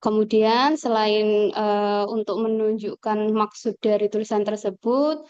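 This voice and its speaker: A woman teacher explaining a lesson slowly on a video call, with fillers and pauses. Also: medium pitch, fairly even intonation, darkish tone, clean tone, no echo. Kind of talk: online class lecture. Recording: dull lo-fi video call audio.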